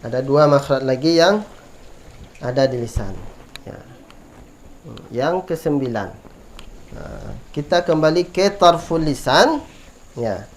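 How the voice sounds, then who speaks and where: Slow, patient Indonesian Quran teacher, man. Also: on the high side, expressive, slight background noise. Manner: patient, repeats sounds slowly for students to copy. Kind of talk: tajweed lesson with drilled letter sounds.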